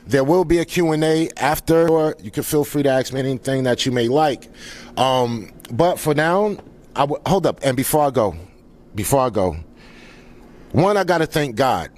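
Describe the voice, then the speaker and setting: Male event founder, average pitch, casual and sincere live address to guests. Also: animated, normal speed, darkish tone. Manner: grateful, earnest. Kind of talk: informal live welcome speech to guests.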